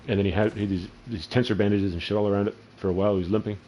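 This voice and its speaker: Man, very low voice, crude rambling gameplay commentator. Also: steady tone, rapid-fire, warm tone, a little hiss or hum, rough recording. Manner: crude, profane, rambling storyteller. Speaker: gaming channel host.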